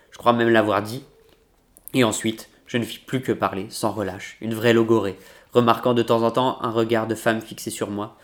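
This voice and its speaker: Male reader, low register, even and unhurried, literary read-aloud. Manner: measured, steady literary reading. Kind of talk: reading a novel aloud.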